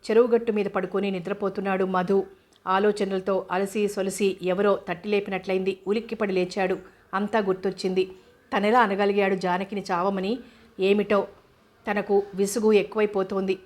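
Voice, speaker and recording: Woman reading a novel aloud, super flat monotone, mid pitch. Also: normal speed. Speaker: narrator.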